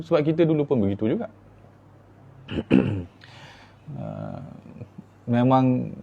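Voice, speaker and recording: Male religious teacher, Malaysian Malay accent, mellow voice, talky lecture style, slightly dull recording. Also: mid-range voice. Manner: conversational, asks listeners rhetorical questions.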